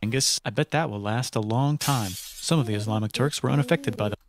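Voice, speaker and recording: A man's voice: medium pitch, fairly quick. Man singing quirky comic history lyrics. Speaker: singer of a comic history song.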